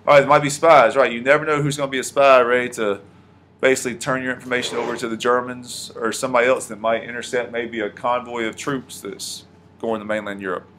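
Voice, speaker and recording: A man's voice: medium pitch, flat delivery, fast talker, fairly bright tone, slight background noise. Teacher quizzing his class. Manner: asks the class questions and repeats answers. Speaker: history teacher. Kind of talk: classroom lesson.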